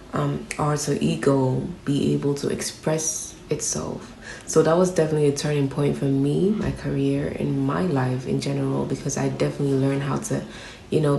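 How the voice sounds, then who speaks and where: A young woman from Nigeria, a rapper, speaks in a deep, flat, gravelly voice. She answers steadily and thoughtfully, pressing harder when she states an opinion. The room is echoey, with a faint hum of ambience behind her. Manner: reflective, steady, grows emphatic on strong opinions. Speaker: rapper interviewed as guest. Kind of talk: relaxed interview answers. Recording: roomy echo with faint background ambience.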